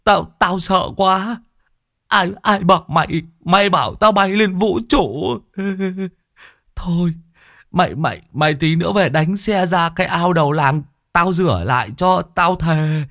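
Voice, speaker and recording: A man's voice: sits high, a little slow, fairly bright tone, dry recording, clean studio sound, pitched above the performer's own voice. A man voicing a cowardly, dim-witted old man who stammers and whimpers in fright in a ghost story. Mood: stammering pleading.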